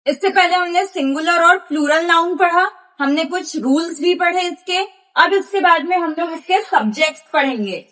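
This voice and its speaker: A woman's voice: very high voice, normal speed, few pauses, bright, forceful tone. A woman teaching a grammar lesson, explaining patiently and spelling out examples one by one.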